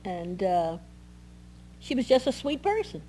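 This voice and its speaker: An older woman, a former pupil, thoughtfully recalling the old days with pauses in an oral history. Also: mid-range voice, big pitch swings, warm tone, slight background noise, low-quality recording.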